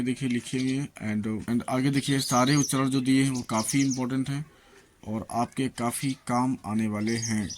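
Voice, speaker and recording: A man teaching English pronunciation, slowly reading out example words one by one, then encouraging his viewers to keep practising. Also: mid-range voice, noisy background. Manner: slow, listing words one by one.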